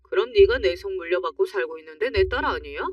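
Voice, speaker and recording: A woman's voice: medium pitch, expressive, fast, no echo, natural voice. A woman voicing a callous middle-aged father who sneers and pushes for money, read in storytelling narration. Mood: sneering. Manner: sneering, pushy. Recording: dry, muffled, slightly distant.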